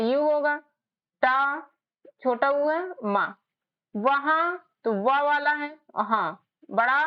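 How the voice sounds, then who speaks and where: Woman, English tutor, high-pitched, slow, patient letter-by-letter explaining, slightly muffled recording. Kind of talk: casual spelling lesson. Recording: slightly dull lo-fi sound.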